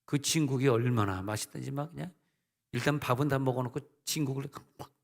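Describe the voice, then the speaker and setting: A man's voice: mid-range voice, fairly quick, vocal fry. A middle-aged male senior pastor preaching a sermon, with emphatic rises and conversational asides. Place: church sanctuary. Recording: long church hall reverb.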